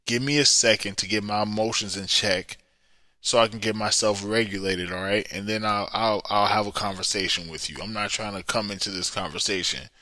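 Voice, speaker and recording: A man's voice: on the low side, fairly even intonation, fairly quick, bright, forceful tone, no room sound. A man hosting a podcast, giving relationship advice in a coaching way and checking in with the listener. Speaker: podcast host.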